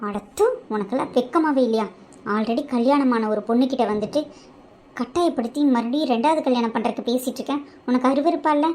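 A defiant young captive wife, played by a woman who hurls scornful insults and then begs to be let go, in a high voice. Faint noise sits behind her. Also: fast talker, a little mellow, close to an everyday voice. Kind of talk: animated cartoon voice acting.

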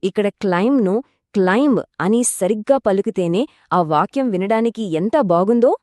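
Animated woman giving pronunciation tips. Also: medium pitch, moderate pace, no echo, clean studio sound. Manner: encouraging, stresses tips and common mistakes. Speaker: pronunciation co-teacher. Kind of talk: scripted explanatory lesson.

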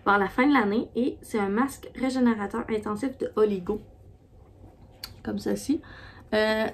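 A Québécois woman talks through her favourite hair and skin products in a loose, rambling vlog chat. Her pitch sits in an ordinary middle range, and she keeps stopping to restart her sentences. A faint hiss of noise runs underneath. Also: gravelly, darkish tone. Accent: Québécois French. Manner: chatty, rambling with many fillers and restarts. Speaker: beauty vlogger. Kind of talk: casual product review.

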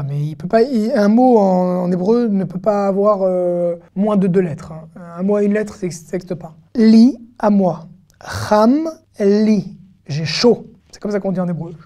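A woman teaching an online language lesson, patiently explaining and repeating sounds slowly for learners. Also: medium pitch, mellow. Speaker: Hebrew teacher.

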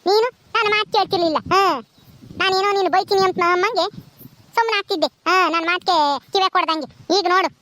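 Woman playing a deaf granny, shrill high voice, loud, scolding, village comedy. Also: fast talker. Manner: loud, repeats "ha?" as if hard of hearing. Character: deaf old village grandmother, scolding and talkative.

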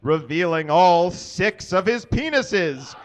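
A man in his thirties reads fan fiction dramatically from a page at a live comedy show, addressing the audience from a small stage via a handheld or stand microphone. His slightly high voice is animated and slow, swinging widely in pitch. A little hiss or hum is audible.

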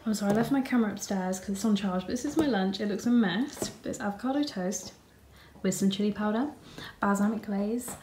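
A young woman from England chatting casually in a home vlog, gushing and quick to laugh. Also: medium pitch, darkish tone, a little hiss or hum. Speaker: vlogger.

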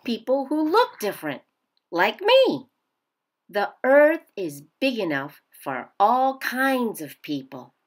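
A woman reads a picture book aloud for young children, going slowly and expressively with plenty of rise and fall in her pitch. It's a storybook read-aloud delivery, and she is very animated.

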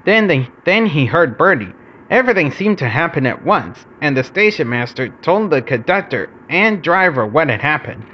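A man narrating a children's storybook in an expressive, animated way. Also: on the high side, moderate pace, dull audio, slight background noise.

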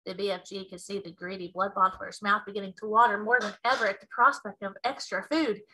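A woman in her thirties reading a children's story aloud with expressive narration, like a teacher. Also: mid-range voice, brisk, breathy edge, low-quality recording.

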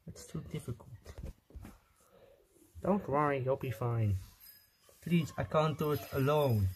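A fan movie creator voicing every character in an amateur fan film, switching voices and jumping up into squeaky highs. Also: measured pace, a little hiss or hum.

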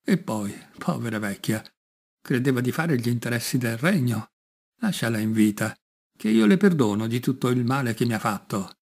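A man voicing a gentle young mother, a forgiving fairy-tale heroine, speaking earnestly. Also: mid-range voice, animated, normal speed, creaky.

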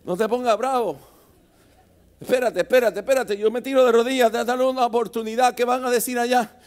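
A man voicing Moses as he pleads with God to calm down. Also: extremely high pitch, voice pushed up. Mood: pleading. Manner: pleading, hurried.

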